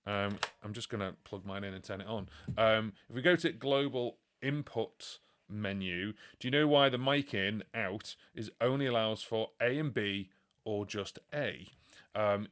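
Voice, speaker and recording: A man in his forties from the UK talks loosely through a music live stream, reading out viewer questions and filling gaps with ums. His voice sits a little low. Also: a bit bright. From United Kingdom. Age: 40s. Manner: rambling and chatty, lots of ums, reads out viewer questions. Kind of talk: casual live-stream chat.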